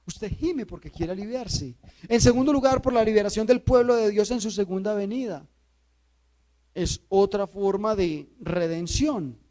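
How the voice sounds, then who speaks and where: A man from Antioquia with a Colombian accent preaching a sermon, swinging from loud pleading cries to low, slow, intimate stretches. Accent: Colombian Spanish, Antioquia. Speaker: pastor.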